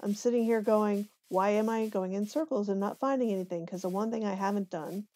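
A woman co-hosting a casual gameplay session, easygoing and quick to laugh along. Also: mid-range voice, fairly even intonation, crowd noise. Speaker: co-host player. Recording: faint background noise.

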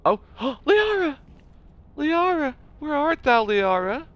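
A man's voice: very high voice, sing-song, slow, dry recording, highs cut off, voice pushed up, full character voice. A man voicing a trapped damsel in a hammy, theatrical stage manner, drawing the words out. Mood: melodramatic. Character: trapped damsel, mock-theatrical, drawn-out pleading.

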